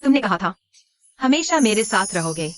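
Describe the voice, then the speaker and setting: A woman's voice: mid-range voice, very animated, normal speed, a bit bright, dry recording. An actress in a dubbed short drama playing a drunk young woman who clings to and pleads with the man she loves, her speech slurred. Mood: drunk, pleading.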